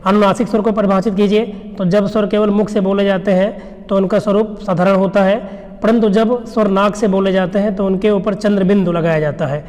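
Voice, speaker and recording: High-voiced man teaching in a reverberant room. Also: a little mellow. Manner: explains by asking and answering his own questions. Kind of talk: exam revision lecture.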